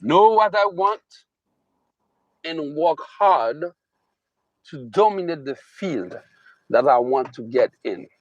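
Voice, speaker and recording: A fairly high, expressive voice belongs to this Haitian motivational speaker with a Haitian accent. Emphatic throughout, he repeats his key phrases and slows down to draw out the stresses. The audio is dull, without room sound.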